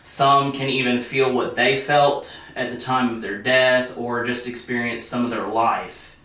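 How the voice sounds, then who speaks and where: A man's voice: medium pitch, fairly even intonation, measured pace, sharp tone. A young man talking as a guest on a casual podcast, earnestly explaining at length. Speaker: guest, medium. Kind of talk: casual interview. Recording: very echoey room, distant mic.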